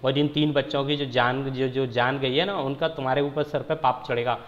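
Flat-voiced male teacher explaining a story. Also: medium pitch, moderate pace. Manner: reads the text, then explains it in plain words. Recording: echoey, dull lo-fi recording.

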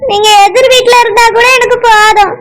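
A woman's voice: steady tone, a little fast, fairly bright tone. A woman voicing a tearful lonely village wife. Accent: Tirunelveli Tamil. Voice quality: very high, squeaky cartoon voice. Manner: tearful, pleading. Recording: clear background noise.

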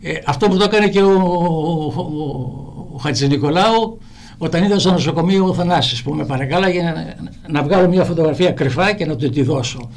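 A man's voice: on the high side, darkish tone. An older man, an actor, telling rambling stories on the radio with many restarts. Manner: rambling, frequent restarts and repeated "he tells me". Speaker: actor guest. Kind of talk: anecdotal storytelling on radio. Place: radio studio.

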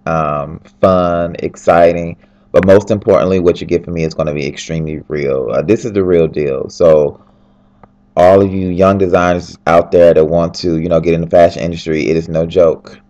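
A man's voice: deep voice, fairly even intonation, normal speed, mellow, muffled recording. A tired man who has just woken up, chatting in a rambling, upbeat way as he records a casual video diary from his bed on a handheld flip camera. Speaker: fashion designer. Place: lying in bed at home.

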